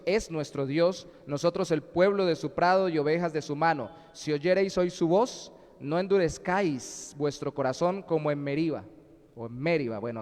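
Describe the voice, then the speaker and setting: Pastor preaching in a reverberant church. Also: male voice, on the high side, a little mellow. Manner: reads scripture aloud and explains it, deliberate. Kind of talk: sermon. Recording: live stream in a reverberant church.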